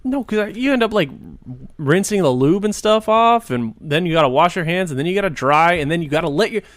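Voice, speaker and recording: A man's voice: sits high, lively intonation, fairly quick, a bit bright, no echo, studio quality. A man co-hosting a podcast, talking bluntly and jokily in casual chat. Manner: blunt, laid-back, jokey. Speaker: podcast co-host.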